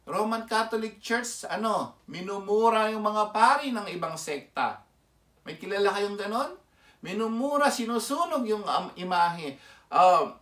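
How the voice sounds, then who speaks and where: A high-pitched man with a Filipino accent delivers an emphatic lay sermon, firing rhetorical questions at his listeners. He is recorded from a distance in a roomy, echoing space. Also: fairly bright tone. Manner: emphatic, keeps asking the audience rhetorical questions. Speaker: lay preacher. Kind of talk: Taglish sermon commentary. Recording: echoey room, mic set far off.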